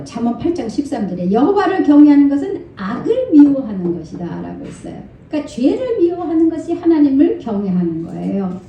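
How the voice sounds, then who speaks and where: An older woman, a senior pastor, gives a lively, conversational Friday night sermon. She laughs often and acts out people's inner thoughts. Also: sits high, dull audio. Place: church sanctuary. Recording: very echoey church hall, from far off.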